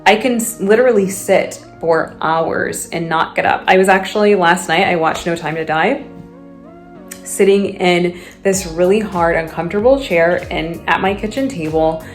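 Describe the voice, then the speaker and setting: A woman's voice: fairly low pitch, normal speed, soft background music. A woman vlogging to a handheld phone camera in a casual, chatty way, laughing often and acting out what people said to her.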